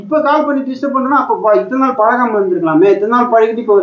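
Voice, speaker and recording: A man's voice: very high-pitched, expressive, rapid-fire, roomy sound, lo-fi sound. A man playing a young man who defends himself and pleads with his angry girlfriend in a comedy skit. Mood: pleading defensive. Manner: pleading, defensive, repeats questions. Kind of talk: comedy skit phone argument.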